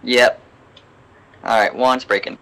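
A young man leading a flight in a flight simulator, mixing calm, clipped radio calls with casual chat. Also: medium pitch, takes it slowly. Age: young adult. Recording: clearly noisy headset voice chat.

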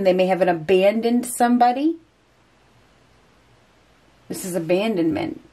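This tarot reader's voice is mid-range and mellow, though clogged by a head cold and stuffy nose. She sits at a table indoors, flipping cards and musing out loud in an unscripted, rambling reading full of hesitation.

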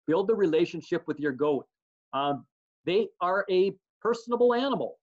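A man's voice: high voice, moderate pace. Man teaching over a dull webcam line. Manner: relaxed, practical advice with many ums. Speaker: extension instructor. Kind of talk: online slideshow lesson. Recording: dull lo-fi audio.

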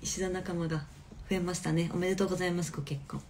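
A woman's voice: on the low side, rapid-fire, a little hiss or hum. Chatty woman live-streaming from home. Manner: chatty and relaxed, often laughing softly. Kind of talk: casual live-stream chat reading viewer comments. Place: her home. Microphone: phone.

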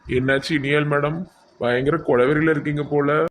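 A man with a fairly high but flat, level voice pleads and apologizes over and over in a comedy skit. A faint outdoor hum runs behind him. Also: normal speed. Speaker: comic suitor in a skit.

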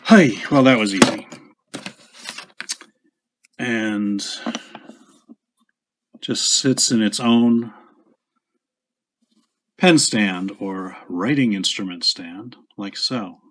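Slow, low-voiced man demonstrating a pen. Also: fairly bright tone, slight background noise. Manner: unhurried, chatty, self-correcting with small asides. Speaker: pen shop owner demonstrating a product. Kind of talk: casual product demonstration. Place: home writing desk.

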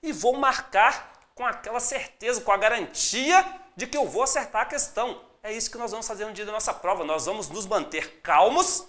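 A teacher with a Brazilian accent giving a live online exam-prep lesson. Upbeat and encouraging, greets viewers by name and spells out syllables slowly. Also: mid-range voice, a bit bright. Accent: Brazilian Portuguese.

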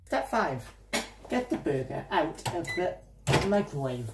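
A teenage boy vlogs on a handheld phone at home, moving between kitchen and bedroom while playfully narrating every step of making lunch with mock seriousness. His voice sounds male, fairly high and very animated, yet unhurried, and heavy background noise runs under it.

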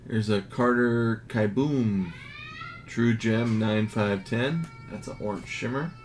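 A man with a lowish voice talks slowly through a stack of graded cards and reads off numbers in a relaxed, steady way. Steady noise sits clearly under the voice. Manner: slow, low-key commentary, grades read in a flat list. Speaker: card collector. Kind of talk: casual unboxing narration. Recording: audible background noise.

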